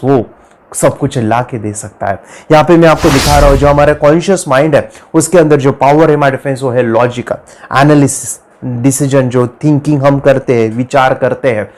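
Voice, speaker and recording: A man teaching a memory course in an animated motivational lecture style, often addressing listeners as dear friends. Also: medium pitch.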